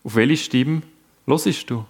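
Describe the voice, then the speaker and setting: A man's voice: mid-range voice, takes it slowly, vocal fry, husky. A man preaching a sermon, speaking earnestly and addressing the listeners directly.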